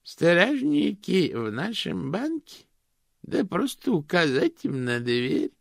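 A man puts on a tiny, ancient aunt with a high, quavering voice, slow and prim. Her genteel manner hides a poisonous streak. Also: huge pitch swings, gravelly, dry recording, studio quality, heavily acted. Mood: prim menace.

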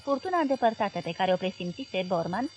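A woman reading a novel aloud as audiobook narrator, steady and expressive. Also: medium pitch, slight background noise, rough recording.

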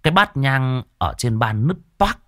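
A man's voice: medium pitch, big pitch swings, measured pace, bright, forceful tone, soft background music. Man telling a dramatic ghost story.

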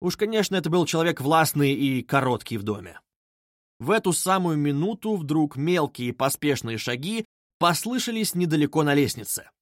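Man with an expressive storytelling voice. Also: a little high, normal speed, no room sound, clean studio sound. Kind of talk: literary audiobook narration.

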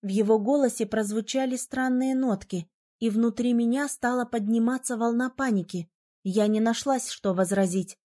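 A woman narrating a novel in the first person, reading in an expressive, lively way. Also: fairly high pitch, normal speed. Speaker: audiobook narrator.

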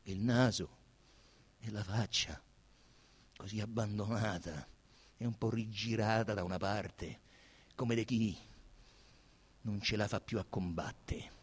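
A man narrating a novel in a dramatic radio reading, theatrical, dropping to hushed near-whispers and rising to loud outbursts. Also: fairly low pitch, fairly even intonation, a little slow, pauses often, slightly rough.

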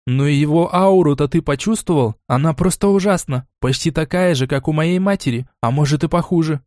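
An excitable young noblewoman, voiced by a male reader, bursts into quick, earnest exclamations. Her voice sits a little higher than a man's usual speech. The audiobook recording is dry. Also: no echo, lightly acted. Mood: excited. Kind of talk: audiobook character voice.

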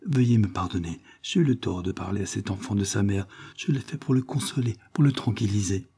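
A man's voice: fairly low pitch, a little fast, mellow, slightly rough. A man reading aloud, voicing a grieving young governess who pleads with trembling emotion. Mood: anxious tender. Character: grieving governess, a young woman hiding her sorrow.

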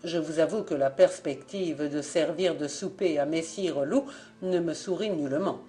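A woman voicing a young nobleman who speaks gently and courteously, low and unhurried. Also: soft background music. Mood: courtly gentle. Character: young nobleman, soft-spoken, courtly and smooth.

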